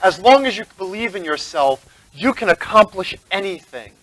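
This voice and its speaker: A man voicing a dashing masked hero giving solemn, slow encouragement. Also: sits high, expressive, a bit bright, recorded from a distance, a little hiss or hum, pitched above the performer's own voice, poor audio. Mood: earnest.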